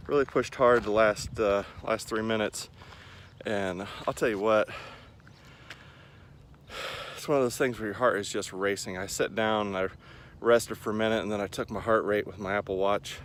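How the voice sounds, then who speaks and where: Low-voiced man in his forties, vlogging outdoors. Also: fairly even intonation, moderate pace. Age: 40s. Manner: rambling, self-deprecating, talking while pacing around. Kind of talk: casual running vlog chat to camera. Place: outdoors in a park by a lake. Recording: clear outdoor ambient noise.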